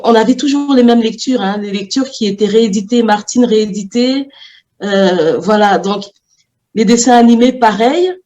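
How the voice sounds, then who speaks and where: A woman, a mother and children's book author from France, answering interview questions thoughtfully with many pauses and restarts. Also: mid-range voice, darkish tone. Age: adult, a mother.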